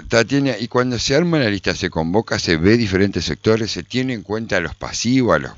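Deep-voiced Argentine radio host. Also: male voice, animated, brisk. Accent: Argentine Spanish. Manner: frequent murmured backchannels, rambling questions. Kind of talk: radio interview. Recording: dull lo-fi radio audio, dry.

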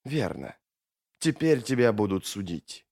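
A man voicing a hushed, menacing sorcerer. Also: fairly low pitch, very animated, moderate pace, pitched below the performer's own voice. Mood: cold menace. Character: cold, menacing man, a flesh-eating sorcerer.

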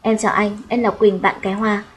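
A woman voicing a gentle, soft-spoken young woman who talks politely, in an audiobook reading. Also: medium pitch, little pitch movement, brisk, a little hiss or hum, lightly acted.

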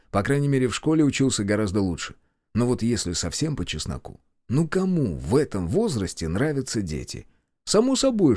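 Male narrator for a gritty first-person audiobook, animated delivery, dry studio sound. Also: mid-range voice, dry recording. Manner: lively, acts out shouts and dialogue.

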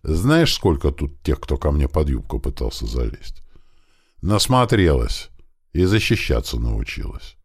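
A man's voice: a bass voice, very animated, unhurried, vocal fry, husky, full character voice. A man voicing a bold, fierce young woman who handles pistols, reading her lines in a raised voice. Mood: matter-of-fact. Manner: sharp, threatening then tender.

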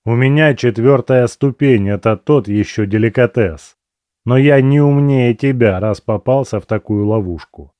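A man narrates a fantasy novel in the first person, steady and measured. His voice is mellow and dark, recorded dry and close with no room sound. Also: medium pitch, dry recording. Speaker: audiobook narrator.

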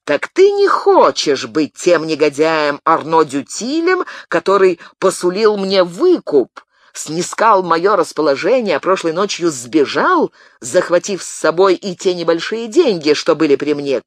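A man's voice: on the high side, very animated, a little slow, no room sound, studio quality. A man reading an audiobook, voicing a harsh, contemptuous cavalry commander who gives orders. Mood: angry.

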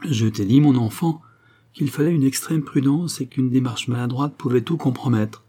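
A man reading a storybook, voicing a cautious, tender aristocratic mother who speaks in a measured, earnest way. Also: medium pitch, mellow, lightly acted.

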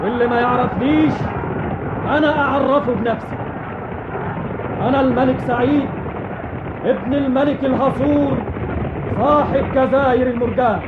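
A roaring, high-pitched warrior king of the jinn. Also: normal speed, pauses often, phone-quality sound, heavy background noise. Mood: roaring defiance. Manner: declamatory, roaring battle challenges. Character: proud warrior king of the jinn, bold and commanding. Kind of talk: theatrical radio drama acting.

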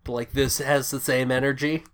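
A man's voice: medium pitch, flat delivery, moderate pace, a little hiss or hum. Rambling man co-hosting a film podcast. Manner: rambling, with frequent restarts and "like". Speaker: podcast co-host. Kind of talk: casual film discussion.

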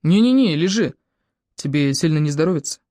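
A woman's voice: low-pitched, lively intonation, brisk, mellow, no room sound, clean studio sound. A woman voicing a reserved young man caring for his sick fiancée.

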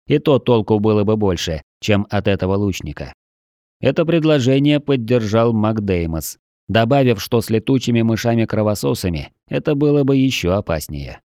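Brief: male audiobook narrator, warm low voice, steady storytelling delivery, dry booth. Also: dry recording. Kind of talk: scripted narration.

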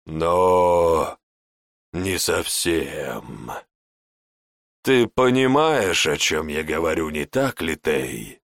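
A man voicing a sinister, mocking undead male creature with a slow, theatrical drawl. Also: extremely low pitch, sing-song, a bit bright, dry recording, studio quality, voice pushed down, heavily acted.

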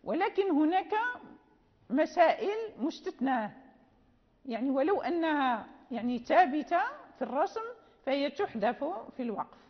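A woman's voice: sits high, expressive, normal speed, long pauses. A woman with a Moroccan Arabic accent gives a patient, explanatory classroom lecture on Quran recitation and often checks in with her students. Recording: dull lo-fi sound with long hall reverb.

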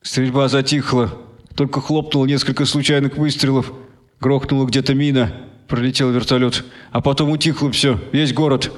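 A man reading a short story aloud as an audiobook narrator, in measured storytelling. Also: mid-range voice, level tone. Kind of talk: scripted narration.

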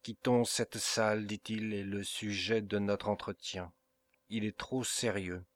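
A man voicing a brooding, proud middle-aged Italian nobleman, speaking in a grave, measured way for an audiobook. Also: lowish voice, little pitch movement, natural voice. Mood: uneasy.

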